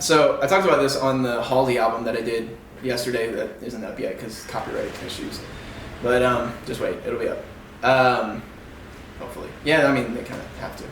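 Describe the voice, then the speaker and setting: A male music producer giving casual reaction commentary, rambling loosely with lots of fillers and sometimes singing in falsetto. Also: fairly even intonation, fairly quick, recorded from a distance, background noise. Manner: sings snippets in falsetto. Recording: roomy, off-mic, faint music behind.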